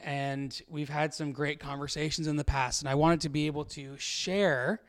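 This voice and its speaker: A man's voice: a little high, fairly even intonation, normal speed. A man, a pastor hosting a podcast, praying earnestly and then introducing his guest.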